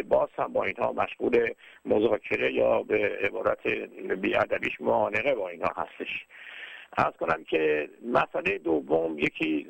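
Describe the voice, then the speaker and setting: A man giving formal, lecture-style political commentary, speaking in a measured way with frequent hesitations. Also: medium pitch, creaky, breathy edge, no echo, dull audio.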